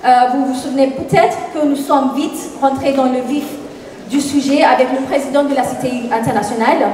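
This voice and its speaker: A woman with a Kenyan accent delivers a formal, measured closing summary, now and then correcting herself. Her voice is high and distant from the mic. It carries a very strong echo with a long reverb tail from a large hall. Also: fairly even intonation, dark tone. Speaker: program manager and moderator.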